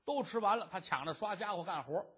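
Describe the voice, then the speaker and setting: A man's voice: high-pitched, expressive, quick pace, husky. A man performing a traditional story with dramatic narration, in a dull lo-fi recording.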